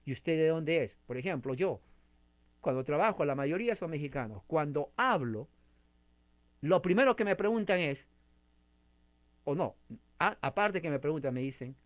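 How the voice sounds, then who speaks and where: A man's voice: on the high side, animated, normal speed, pauses often. Chatty man teaching Bible study. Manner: chatty, asks listeners direct questions, frequent restarts.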